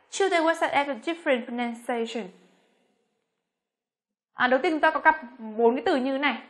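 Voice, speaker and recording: A Vietnamese woman teaching English pronunciation, speaking slowly on her model words between quicker explanations. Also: sits high, a bit bright. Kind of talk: pronunciation lesson.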